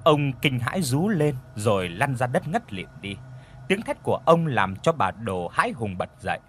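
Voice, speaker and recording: A man reading a horror story aloud as an audiobook narrator, dramatic, with tense pauses. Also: medium pitch, sing-song, fairly bright tone, slight background noise.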